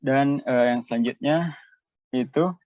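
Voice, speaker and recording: A man's voice: mid-range voice, unhurried, no room sound. A young man with an Indonesian accent giving a class presentation, hesitant with many fillers and switching between two languages. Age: young adult. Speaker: student presenter. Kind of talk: class presentation, reading notes and explaining. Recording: tinny dry phone-like call audio.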